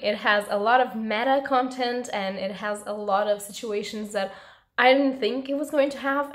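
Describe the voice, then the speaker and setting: A young woman with a hoarse, strained voice, chatting expressively to camera as she reviews books in a room at home. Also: on the high side. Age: young adult. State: hoarse, losing her voice. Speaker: book reviewer and channel host. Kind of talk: casual chat to camera, book review.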